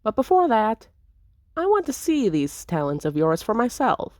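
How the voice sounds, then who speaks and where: A woman reading a visual novel aloud, voicing an imperious aristocratic countess with a haughty, measured, commanding manner. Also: a little high, wildly swooping pitch, darkish tone, no room sound, clean studio sound, voice pushed up.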